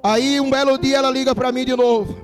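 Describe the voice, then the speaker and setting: A Brazilian man preaching a Pentecostal sermon, telling a story dramatically and breaking into shouts. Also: extremely high pitch, fairly even intonation, brisk, soft background music. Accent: Brazilian Portuguese.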